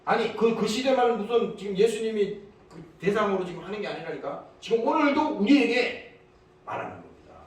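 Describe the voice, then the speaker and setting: A man's voice: high-pitched, lively intonation, fairly quick. A man preaching a sermon as pastor, emphatic and prodding his congregation with repeated questions. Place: church. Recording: echoey church hall, mic at a distance.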